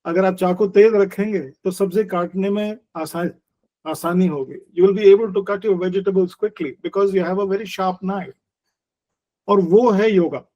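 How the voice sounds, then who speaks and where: एक साठ वर्षीय पुरुष योग शिक्षक, जो एक बातचीत में गंभीरता से समझाते हुए हिंदी और भारतीय अंग्रेज़ी मिलाकर बोलते हैं।. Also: male voice, sits high, slow pace, dark tone. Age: 60s. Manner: earnest, explanatory, mixes Hindi and English, uses everyday analogies. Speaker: yoga teacher. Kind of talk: conversational interview.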